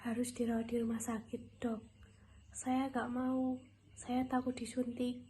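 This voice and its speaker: Wanita sebagai pasien muda penurut, suara lembut datar. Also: female voice, fairly high pitch, level tone, unhurried, mellow, a little hiss or hum, close to an everyday voice. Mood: afraid. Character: obedient, timid young female patient. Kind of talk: scripted student role-play.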